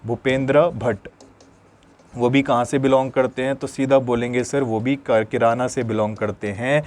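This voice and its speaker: A man's voice: mid-range voice, fairly even intonation, moderate pace, a little mellow. A male teacher giving an exam-prep lesson. He quizzes his pupils, answers his own questions and repeats memory tricks, calling them "dear children". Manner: calls listeners "dear children".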